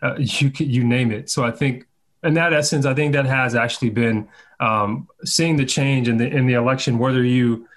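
A man's voice: mid-range voice, steady tone, normal speed. A man from California answering interview questions thoughtfully, often restarting his sentences. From Inglewood, California. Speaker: interview guest. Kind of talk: conversational interview.

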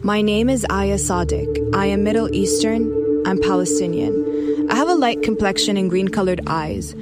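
A woman's voice: medium pitch, moderate pace, over loud music. A woman from Dubai reading a reflective personal essay. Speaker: guest speaker.

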